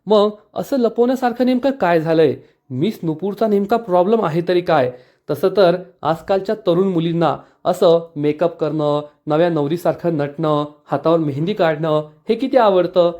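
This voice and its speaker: A man's voice: sits high, normal speed, dark tone, close to an everyday voice. A man voicing a young man from a TV drama, musing and questioning to himself. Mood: wondering. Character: puzzled young man wondering about a woman.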